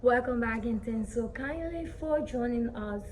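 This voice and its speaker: A woman's voice: fairly high pitch, moderate pace, darkish tone, a little hiss or hum, rough recording. A woman hosting a studio interview show, asking questions in a friendly, encouraging way. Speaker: host.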